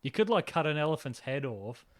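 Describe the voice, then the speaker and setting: A man co-hosting a podcast, blunt and quick to laugh in crude banter. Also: a little high, sing-song. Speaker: podcast co-host.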